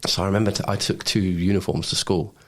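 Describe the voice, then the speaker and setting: A man who once served in the Royal Marines guests on a podcast, telling informal anecdotes about his life. He talks fast in a low voice with a level tone. The style is blokey and laid-back, with plenty of "mate," "man" and "bro."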